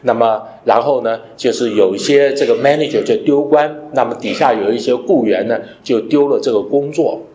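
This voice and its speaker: A man's voice: medium pitch, moderate pace, hardly any pauses, warm tone, a little hiss or hum. A man preaching a sermon, teaching and asking his listeners rhetorical questions, mixing English phrases into his talk. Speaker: pastor. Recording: echoey room.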